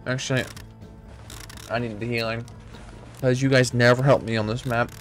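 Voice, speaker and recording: Guy doing dry sarcastic gameplay commentary, loud game music and gunfire behind him. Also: medium pitch, level tone, normal speed. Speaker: gamer.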